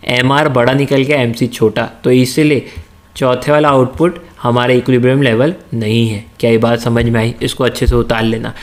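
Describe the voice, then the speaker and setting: A male teacher giving a lecture, asking his students questions and answering them himself, mixing English terms into his speech. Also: medium pitch. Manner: slips into Hindi-English mix. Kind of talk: classroom lecture.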